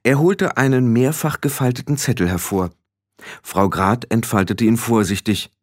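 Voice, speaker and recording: A man narrating an audiobook with expressive storytelling. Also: mid-range voice, normal speed, dry recording, studio quality.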